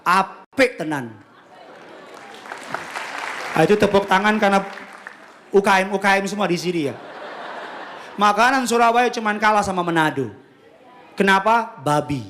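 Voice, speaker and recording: A man's voice: high voice, a bit bright, a little hiss or hum. A man preaching a sermon to a congregation, telling his story with jokes and often raising his voice. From Jakarta. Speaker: pastor.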